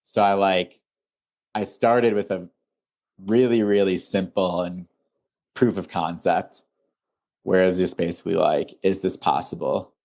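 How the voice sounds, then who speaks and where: Young male founder from Illinois, deep-pitched, loose and chatty in conversation. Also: unhurried, long pauses. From Illinois, USA. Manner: relaxed, rambling, many "like" fillers. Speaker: founder and guest. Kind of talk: casual interview.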